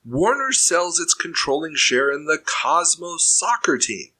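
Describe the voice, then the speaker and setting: Male podcast host, bright forward tone, reads headlines then riffs casually. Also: a little high, sing-song, a little slow, poor audio. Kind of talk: reading news items and chatting.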